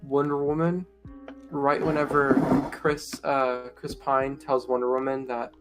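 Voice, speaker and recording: A man's voice: medium pitch, flat delivery, measured pace. A young man co-hosting a casual movie review chat, blunt, sarcastic and full of swearing. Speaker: co-host. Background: lo-fi music.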